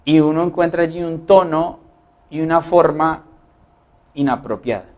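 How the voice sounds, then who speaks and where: A man's voice: a little high, moderate pace, a little mellow. A male pastor with a Colombian accent preaching a Sunday sermon, earnestly acting out the complaints and prayers he quotes. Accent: Colombian Spanish.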